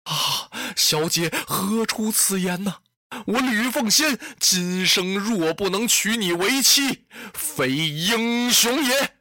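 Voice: medium pitch, slow pace, sharp tone, dry recording, studio quality. A storyteller playing a hot-headed lovestruck general. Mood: vowing. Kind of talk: traditional storytelling.

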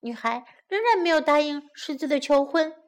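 A woman teacher narrating a children's story and English lesson in a gentle, coaxing tone. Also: high-pitched, animated, normal speed.

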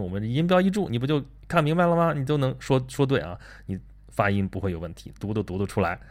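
A man hosting a casual talk, animated and chatty, asking himself rhetorical questions. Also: medium pitch. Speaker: podcast host. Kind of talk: casual monologue on learning and reading.

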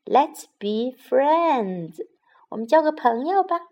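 A woman voicing a slow but proud male turtle in a children's story, giving each line in English and then in Chinese. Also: sits high, animated, highs cut off, exaggerated voice.

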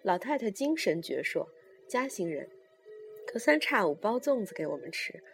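A woman reading a story aloud in the first person, with a brisk and wry telling. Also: mid-range voice, very animated, faint music behind.

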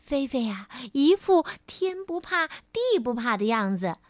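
Slow, gentle woman reading a storybook. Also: sits high, no room sound. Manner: gentle, expressive, lingering on phrases.

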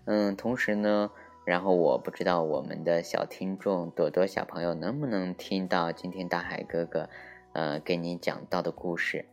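A young man narrating a bedtime story for children in a gentle, warm storytelling manner, closing the episode as host. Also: deep voice, fairly even intonation, moderate pace. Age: young adult.

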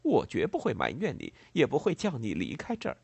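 A man's voice: medium pitch, huge pitch swings, brisk, creaky, a little mellow, husky, no room sound, exaggerated voice. A man voicing a naive, blunt country woman who speaks earnestly.

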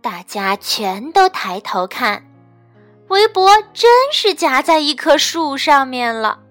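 A woman reading a bedtime story aloud in a gentle, soothing way. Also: high-pitched, big pitch swings, takes it slowly, faint music behind.

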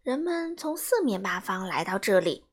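A woman narrating a children's storybook in an expressive, unhurried way. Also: medium pitch.

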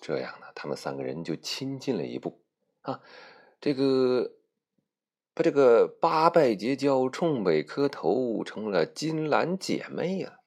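Dude telling a silly fairy tale, chatty, gravelly, bouncy pitch. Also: male voice, sing-song, a little slow, a little mellow. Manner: chatty, playful, folksy asides. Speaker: storyteller. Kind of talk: comic storytelling.

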